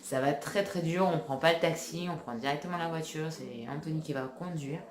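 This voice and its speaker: This young vlogger from France, congested from a head cold, chats a little fast to her phone camera in her deep voice, rambling with fillers and restarts. The sound is roomy, with a crowd audible behind her.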